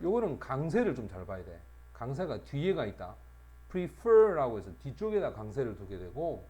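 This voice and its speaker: Animated middle-aged teacher, lively pitch. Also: male voice. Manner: animated, drills students with tag questions. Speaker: English teacher. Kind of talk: exam prep vocabulary lecture.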